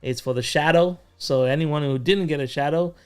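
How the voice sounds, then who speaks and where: A man's voice: on the high side, moderate pace, smooth. A man hosting a casual livestream chat, rambling with plenty of fillers and restarts. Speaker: host.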